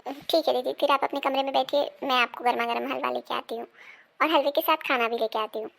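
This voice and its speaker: A high, slightly gravelly woman's voice as a worn-out young daughter-in-law, played by a woman. She grumbles about her household chores and defends herself with stubborn complaints in a homemade family comedy. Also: fairly even intonation, fast, a bit bright. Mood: polite. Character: overworked put-upon young daughter-in-law. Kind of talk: amateur family comedy drama.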